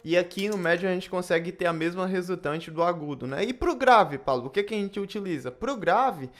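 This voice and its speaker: A young adult Brazilian man with a Brazilian Portuguese accent teaching saxophone technique in a casual video lesson, tagging his phrases with quick checks to the viewer. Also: high voice, lively intonation, a bit bright, soft background music. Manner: casual, tag questions after phrases.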